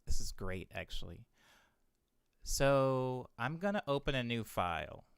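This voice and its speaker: A young man talks his stream viewers through a sound technique, excitable and thinking out loud. His voice is smooth and his pitch moves a lot, while his pace stays unhurried. The sound is dry and close to the mic. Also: no echo. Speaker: music producer streaming a tutorial. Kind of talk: casual live-stream explanation.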